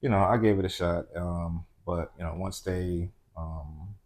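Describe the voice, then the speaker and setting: A man's voice: sits low, steady tone, unhurried, darkish tone. A man from Atlanta, a guest on an interview show, talking in a laid-back way full of "um" and "you know". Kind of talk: casual interview chat.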